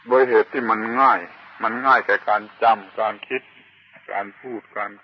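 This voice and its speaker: A man preaching a Buddhist sermon, slow and deliberate, pausing often and stressing key words. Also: lowish voice, steady tone, breathy edge, muffled recording. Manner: slow and deliberate, with long pauses and emphatic chanted words. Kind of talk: Dharma sermon.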